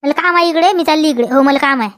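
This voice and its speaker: In a comedy sketch, a woman with a Vidarbha Marathi accent plays a quarrelsome village wife, her voice high, fast and a bit bright on a dry, clean studio recording. She sounds dismissive and argues back, repeating her questions and tagging them with "हा?".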